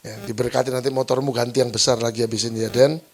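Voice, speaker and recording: Joking Surabaya pastor mid-sermon. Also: male voice, mid-range voice, flat delivery, fast. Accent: Surabaya Javanese-flavored Indonesian. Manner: playful, teasing the congregation, laughs often. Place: church service.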